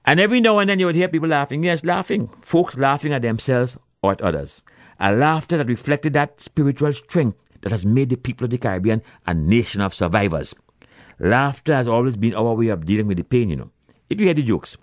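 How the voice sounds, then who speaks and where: A man from Grenada with a Grenadian accent, telling a humorous story in a folksy, animated manner with creole phrasing. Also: medium pitch, a little fast, no echo, clean studio sound.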